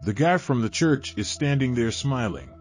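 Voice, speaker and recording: A man narrating a scripted horror story with expressive storytelling. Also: medium pitch, moderate pace. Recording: faint background music. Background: faint music.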